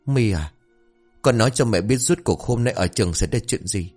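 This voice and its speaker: A man's voice: lowish voice, lively intonation, brisk, darkish tone. A fretful, pleading mother from a narrated family story, as a male reader puts her on in a raised voice. Her tone rises and falls anxiously over faint music. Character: worried gentle middle-aged mother.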